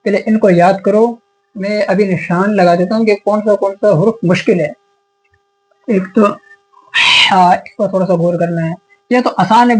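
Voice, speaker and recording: A man teaching a beginner's lesson on Arabic letters, sounding each letter slowly and repeating it patiently. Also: high voice, darkish tone, a little hiss or hum, poor audio. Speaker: Quran teacher. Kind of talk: step-by-step alphabet lesson.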